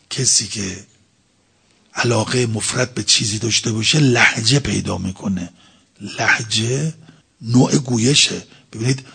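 A man's voice: medium pitch, gravelly, fairly bright tone, husky. A man preaching a religious talk, explaining by asking and answering his own questions. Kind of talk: sermon.

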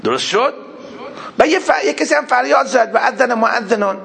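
Animated preacher with a lively voice. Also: male voice, creaky. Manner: animated, acts out dialogue in raised voices, then drops to a low murmur; asks the audience questions and answers himself. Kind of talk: religious storytelling sermon.

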